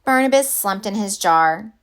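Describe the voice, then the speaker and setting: A children's picture book is read aloud by a woman storyteller whose voice is mid-range and whose phrasing is expressive and measured.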